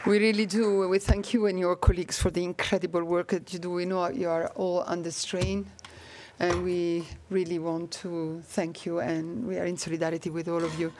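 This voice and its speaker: A woman's voice: on the low side, level tone, normal speed. A woman moderates a press briefing in a formal, courteous way. She thanks speakers at length. Faint noise and clicks run underneath her voice. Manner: polite, formal, repeated thanks.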